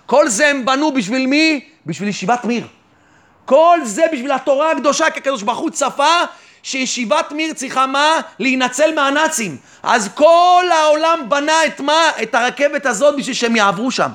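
Man, rabbi, fervent sermon, very high-pitched voice, rhetorical questions answered himself. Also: fairly bright tone. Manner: fervent, exhorting the listener directly. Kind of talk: sermon on faith and trust.

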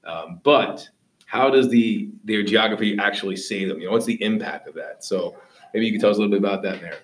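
A male teacher leads a classroom discussion in a fairly low voice. He explains conversationally and often checks that listeners follow, sounding slightly away from the microphone. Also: a little fast, far from the mic. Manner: explanatory, checks understanding with "right?". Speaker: history teacher and show host.

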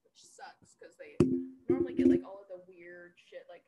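A woman's voice: on the low side, moderate pace, loud music behind the voice. A woman co-hosting a podcast in casual chat over a video call, her voice distant and muffled as if heard through a wall because her mic has fallen away. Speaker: podcast co-host.

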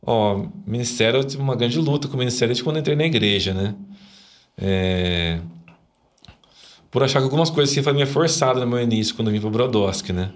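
A podcast guest with a mid-range voice tells a personal faith story at a fairly quick pace. His conversational testimony rambles and turns emotional, and he keeps tagging sentences with little questions like "né?"

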